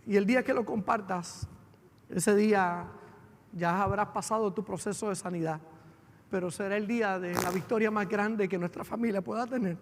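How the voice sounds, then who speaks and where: A man's voice: sits high, moderate pace, slight background noise. A man, a pastor telling a family story in a sermon, with emotion that builds as he goes. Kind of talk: sermon testimony. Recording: long hall reverb.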